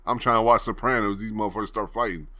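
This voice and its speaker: Deep, bright-voiced man telling a story. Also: fairly even intonation, fast talker. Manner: laid-back, rambling, swears freely. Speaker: channel host. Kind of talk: casual storytelling to camera.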